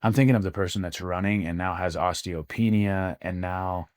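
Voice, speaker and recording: Deep-voiced man, dry close sound. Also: a little mellow, no room sound. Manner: measured, explains at length. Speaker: podcast co-host. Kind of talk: casual podcast chat.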